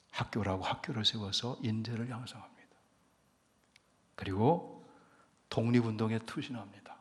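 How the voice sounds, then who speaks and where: A middle-aged male pastor preaching a sermon, dropping to near-whispers and then rising to loud emphatic peaks. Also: fairly low pitch. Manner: swings between hushed near-whispers and loud emphatic rises. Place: church sanctuary. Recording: long hall reverb in a church.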